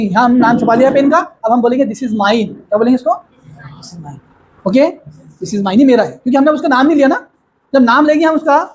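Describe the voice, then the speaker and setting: A man teaching a grammar lesson to a classroom of students, explaining slowly and asking them questions again and again. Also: very high-pitched, low-quality recording.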